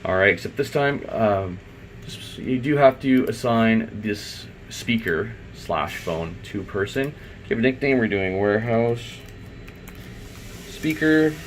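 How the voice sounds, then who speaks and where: Speaking slowly and expressively at medium pitch, a man narrates a software tutorial with a light hiss or hum behind him. He's an IT installer doing an unscripted, casual walkthrough on screen, one step at a time, voicing his thoughts as he works.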